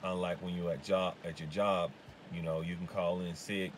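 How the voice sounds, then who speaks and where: A very deep-voiced man talks casually to his viewers about running a lawn care business. His talk is halting, with lots of "um"s and restarts. Faint noise hums behind him. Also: fairly even intonation. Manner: halting, full of fillers and restarts. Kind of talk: casual advice vlog.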